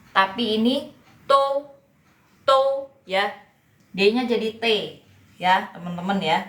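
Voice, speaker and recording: A woman teaches Mandarin in an unhurried, chatty way, repeating each sound for her viewers. Her voice sits in a middle register and carries an echo from the room around her. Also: mid-range voice, a bit bright. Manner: chatty, repeats pronunciations, addresses viewers often. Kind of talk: live online language lesson.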